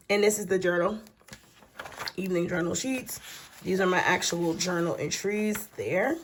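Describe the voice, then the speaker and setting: A woman's voice: on the low side, a little hiss or hum. A woman casually walking viewers through her planner late at night, sleepy and yawning, chatty and folksy, calling them y'all and child. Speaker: planner vlogger. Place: at home.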